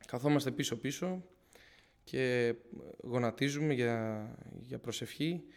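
A young man tells his congregation a personal faith testimony in an earnest, searching way. He circles back, restarts phrases and keeps retelling his own words as he goes. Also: medium pitch. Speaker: church member giving testimony.

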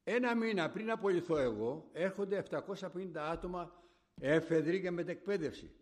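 A man's voice: sits high, lively intonation. An older man recalling his younger days in a rambling, conversational storytelling style. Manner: rambling, conversational, acts out remembered dialogue. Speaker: storyteller recalling army service. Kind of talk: rambling oral-history storytelling.

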